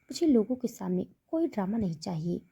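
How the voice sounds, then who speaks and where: A woman's voice: mid-range voice, sing-song, brisk, creaky, warm tone, breathy edge, heavily acted. A domineering rich mother, read by a woman. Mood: stern. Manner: firm, commanding. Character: stern wealthy mother, domineering and cold.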